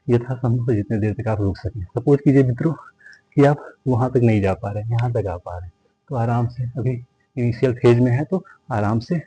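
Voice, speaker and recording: A man's voice: mid-range voice, brisk, warm tone, a little hiss or hum, low-quality recording. A man teaching yoga, counting breaths and reassuring his viewers to go easy and rest when tired. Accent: Hindi. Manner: addresses viewers as friends repeatedly, counts breaths; reassuring, tells listeners to rest and not strain. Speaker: yoga instructor. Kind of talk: guided yoga class instruction.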